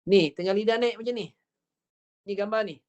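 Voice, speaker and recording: A woman with a Malaysian accent teaching Quran recitation over a video call. She demonstrates each sound slowly and repeats it patiently. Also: medium pitch, darkish tone. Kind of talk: online tajwid lesson.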